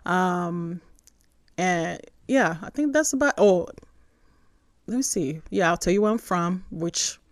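A woman in her forties, born in New York and raised in Nigeria, hosts a casual devotional podcast and serves as a church spiritual formation director. Her fairly low voice has lively intonation, and she speaks slowly and emphatically in a conversational way, with long pauses. There's no room sound.

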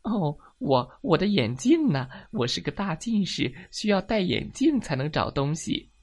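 A woman's voice: sits low, big pitch swings, a little slow, pitched above the performer's own voice, exaggerated voice. A woman voicing a forgetful, fussy mother hen who exclaims and frets in a storybook reading. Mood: flustered. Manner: flustered, exclaiming.

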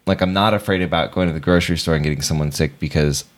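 A man's voice: rumbling low, racing. A man co-hosting a casual chat podcast, rambling with many fillers and restarts. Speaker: podcast co-host.

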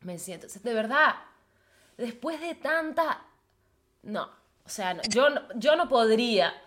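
A young woman with a Venezuelan Spanish accent talks straight into her podcast, blunt and profane, leaning on constant "o sea" fillers. Her voice sits a touch high and rings bright and sharp. It is casual, confessional monologue delivery. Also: expressive, slow pace. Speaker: podcast host.

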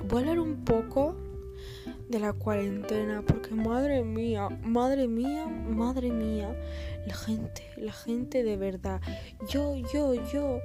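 A woman from Spain with an Andalusian accent, rambling and swearing freely through an improvised solo podcast rant. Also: on the high side. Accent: Andalusian Spanish. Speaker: podcast host. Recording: guitar music playing behind the voice. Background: guitar music.

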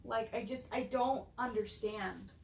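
A woman's voice: fairly high pitch, measured pace, gravelly, a little mellow, a little hiss or hum. A woman in casual chat who swears freely and often stammers and restarts her sentences. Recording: roomy echo.

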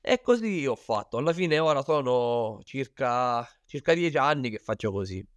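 A man's voice: mid-range voice, lively intonation, normal speed, no echo. A man from Sicily with a Sicilian accent, a fighter speaking as an interview guest, telling stories casually in an informal, self-deprecating way. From Sicily, Italy. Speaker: interview guest, professional Muay Thai fighter. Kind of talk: casual first-person storytelling in an interview.

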